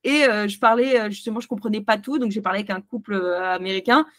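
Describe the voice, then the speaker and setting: A woman's voice: mid-range voice, fast talker, fairly bright tone, dry recording. A woman from France, a podcast guest, giving travel advice in a chatty way, full of hesitations and restarts. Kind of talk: casual interview chat.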